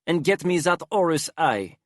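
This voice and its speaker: A man voices a flamboyant yet menacing young man, pitching his voice above his natural range and speaking in a coaxing, sing-song theatrical drawl sprinkled with French endearments. The delivery is fairly high, very animated and at normal speed, recorded dry with clean studio sound.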